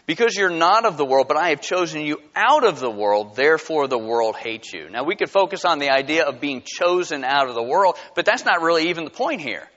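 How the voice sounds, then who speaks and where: A man's voice: a little high, a bit bright. A male pastor preaching a sermon in an emphatic, conversational way, on a dull lo-fi recording. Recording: dull lo-fi sound.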